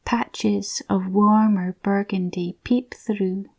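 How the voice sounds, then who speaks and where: In a near-whisper, a woman guides listeners through a scripted visualization, breathy and calming. Her pitch is mid-range, her intonation fairly level, and her delivery slow.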